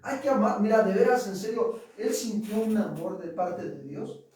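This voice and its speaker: A man's voice: high voice, expressive, moderate pace, a little mellow. A male pastor with a Mexican accent, preaching conversationally and asking the congregation rhetorical questions. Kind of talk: sermon. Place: church hall. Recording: very echoey hall, far from mic.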